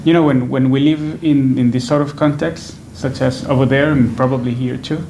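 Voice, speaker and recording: A young man from Venezuela speaks in a slightly gravelly, mid-pitched voice, pausing often and restarting his sentences as he answers interview questions. He sits in a small indoor room close to a stand microphone, with a faint hiss behind him. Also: steady tone, a little mellow. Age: 20s. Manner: thoughtful, hesitant, many fillers and restarts. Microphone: stand microphone in front.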